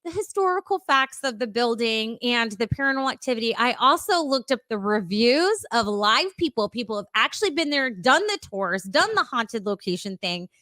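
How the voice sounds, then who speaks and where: A woman's voice: a little high, sing-song, normal speed, hardly any pauses, bright, forceful tone, no echo. A woman co-hosting a casual podcast, chatty and laughing often, with lots of fillers. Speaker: podcast co-host. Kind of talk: casual chat.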